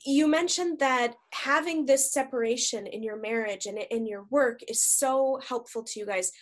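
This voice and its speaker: Chatty woman host, slightly high voice. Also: normal speed. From United States. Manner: chatty, full of restarts and repeated words. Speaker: podcast host. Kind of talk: casual interview chat.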